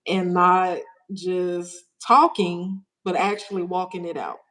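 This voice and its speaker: A woman's voice: on the low side, little pitch movement, slow pace, a bit bright. A woman guest, a small business founder, answering earnestly in a faith-centered interview.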